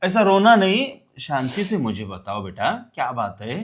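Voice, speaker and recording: A man's voice: mid-range voice, big pitch swings, moderate pace, lightly acted. An actor playing a middle-aged father who coaxes his crying daughter-in-law and then scolds his son, in a short film. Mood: coaxing. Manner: coaxing then angry scolding. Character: stern father of the family, middle-aged man. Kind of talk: amateur short-film acting.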